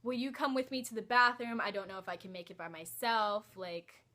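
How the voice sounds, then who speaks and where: A woman's voice: fairly high pitch, fairly quick, pushed and bright. A woman putting on a giggly drunk girl. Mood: pleading drunk.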